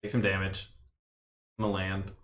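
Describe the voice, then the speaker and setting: A man's voice: low-pitched, monotone, moderate pace, fairly bright tone, echoey room. A man streaming a card game, thinking aloud in casual play-by-play commentary with rambling, self-mocking asides. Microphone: desk stream mic.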